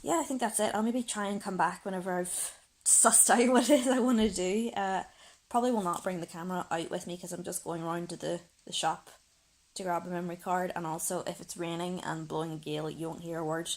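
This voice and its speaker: A young woman with a Northern Irish accent, croaky from just waking up, rambling casually to her camera in her bedroom and laughing often. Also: lowish voice, steady tone, fairly quick. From Northern Ireland. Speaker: vlogger. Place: bedroom, indoors, rain outside. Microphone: camera set on a shelf.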